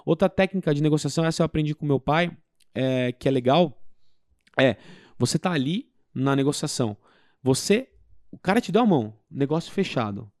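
A man talks through sales techniques in an emphatic, explanatory way. His voice sits a little high. The sound is dry and close. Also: lively intonation, fairly quick, darkish tone, no room sound. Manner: explanatory, emphatic, practical examples. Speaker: business guest. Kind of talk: casual sales advice talk.

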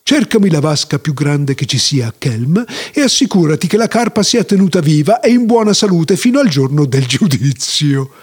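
A man's voice: on the high side, very animated, normal speed, few pauses, a little mellow, slightly rough. A man voicing a pompous, self-important elder who is the nearsighted chief sage of his village, deliberating aloud in a grand way.

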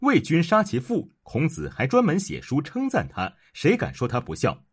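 A man voicing a cunning, scheming court official who talks persuasively and insinuatingly, in a husky voice. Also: a little high, huge pitch swings, moderate pace, exaggerated voice.

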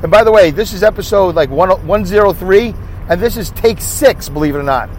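A Brooklyn-accented podcast host with a high, animated, darkish voice rambles a little fast through a solo episode while driving on a highway, self-mocking and posing rhetorical questions to himself. The rough recording carries faint road and car noise.

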